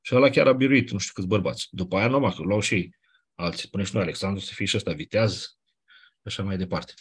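A man's voice: low voice, slightly rough. A man teaching a grammar lesson in a casual, explanatory way, often checking with his listeners. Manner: explanatory, colloquial asides, checks with "nu?". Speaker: Greek teacher. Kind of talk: classroom lecture on Ancient Greek grammar.

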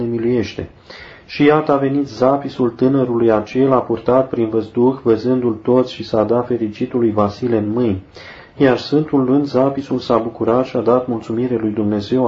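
A man giving a solemn, measured devotional reading of a saint's life, slowing down for the prayers. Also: mid-range voice, mellow. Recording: dull lo-fi recording.

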